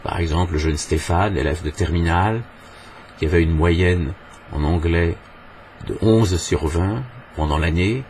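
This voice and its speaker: A man with a very deep voice delivers a scripted video lesson as a language trainer. He speaks in a measured way and often pauses on rhetorical questions. A faint hum of room ambience sits behind him. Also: a little mellow. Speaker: English trainer.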